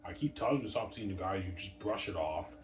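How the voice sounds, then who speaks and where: A very low-voiced man in his thirties rambles casually from across an echoey room, his voice distant from the mic. He drifts between topics, curses freely and talks back at absent people. Household noise and faint music sit behind him. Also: lively intonation, quick pace. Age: 30s. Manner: meandering, casual, swears, argues with absent people. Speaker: vlogger. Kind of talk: late-night rambling monologue. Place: room at home, family upstairs.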